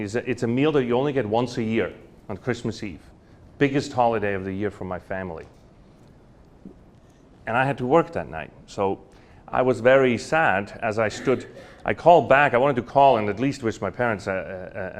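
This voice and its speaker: In a university lecture hall, a guest speaker from Switzerland in his forties gives a storytelling lecture in a low voice. He shares warm anecdotes, often using fillers and starting over.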